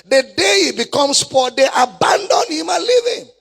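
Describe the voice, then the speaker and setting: A man's voice: very high voice, sing-song, normal speed, a bit bright. A man preaching a mocking, emphatic rebuttal, quoting scripture as he goes. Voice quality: gravelly, husky. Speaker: pastor. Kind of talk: sermon rebuttal.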